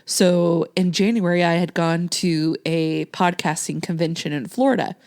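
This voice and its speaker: A Texan podcast host in her late thirties chats casually with a guest, laughing and saying "um" often. Her voice is fairly low, a little mellow, and moves at a moderate pace.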